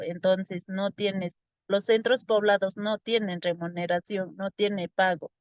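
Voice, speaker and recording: A woman from Peru, giving earnest, halting, emotional personal testimony as an interviewee. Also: medium pitch, no echo. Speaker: interviewee, former community mayor. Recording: slightly dull, dry lo-fi recording.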